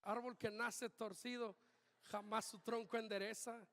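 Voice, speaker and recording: A man preaching a sermon as pastor, swinging between loud urgent calls and quiet asides. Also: sits high, a little slow. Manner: animated preaching, shifts from shouting to quiet asides. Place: church hall. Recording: long hall reverb.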